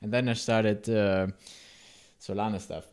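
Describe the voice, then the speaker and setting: A German man with a German accent streams a live coding session, reading chat and answering with asides in a rambling, self-interrupting way. His voice is on the low side, clear, resonant and a little mellow, with a steady tone and a slightly slow pace.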